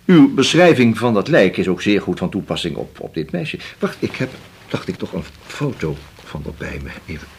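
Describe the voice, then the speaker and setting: An actor playing a shrewd police inspector who questions slowly and keeps humming to himself. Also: male voice, sits low, sing-song, a little hiss or hum. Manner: slow, probing, drawn-out with many hums. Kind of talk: radio drama acting.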